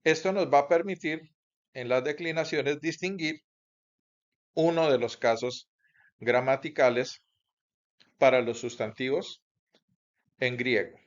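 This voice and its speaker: Slow-paced man teaching a class. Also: medium pitch. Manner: slow, deliberate explaining with pauses and self-corrections. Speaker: Bible Greek teacher. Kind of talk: recorded class lecture. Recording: dull lo-fi recording.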